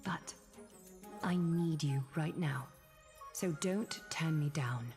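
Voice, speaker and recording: A woman playing a stern, elegant noblewoman dressmaker in a video game, speaking in a measured, solemn way. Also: low-pitched, darkish tone, long reverb tail, faint music behind.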